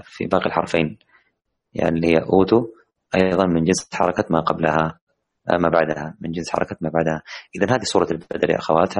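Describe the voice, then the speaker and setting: A man with a very low, deep voice teaches an online Quran recitation lesson to women. He asks his students questions and praises their answers. When he recites examples, he slows down and draws out the words. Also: creaky. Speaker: tajweed teacher.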